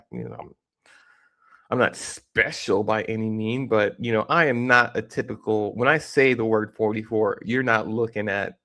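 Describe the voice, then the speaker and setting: A man's voice: medium pitch, fairly bright tone. A man in his forties giving casual, opinionated reaction commentary on a video, rambling and joking as he goes. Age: 40s.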